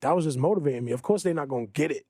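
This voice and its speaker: Young male musician guest, higher voice, animated slangy storyteller, dry studio. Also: racing, slightly rough, no room sound. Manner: animated storytelling, New York street slang. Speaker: guest, music group member. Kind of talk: casual podcast conversation.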